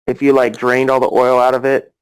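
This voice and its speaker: A man with a mid-pitched voice hosts a loose online voice chat. He rambles, leans on "you know" and other fillers, and keeps cutting in over the others. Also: monotone, fairly quick, smooth, poor audio. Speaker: voice chat host. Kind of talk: casual argumentative chat.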